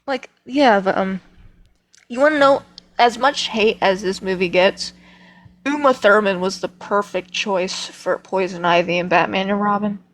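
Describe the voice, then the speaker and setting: A woman's voice: mid-range voice, measured pace, low-quality recording. A woman co-hosting a casual podcast chat, telling stories with emphatic, opinionated views. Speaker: podcast co-host.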